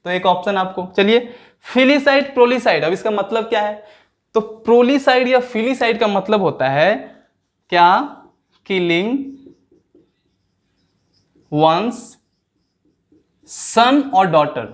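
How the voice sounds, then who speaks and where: Male teacher, unhurried delivery, drills words by slow repetition, keeps checking in with the class. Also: high-pitched. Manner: repeats each word slowly, drawing it out; asks students questions and checks their understanding. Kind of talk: exam vocabulary lesson.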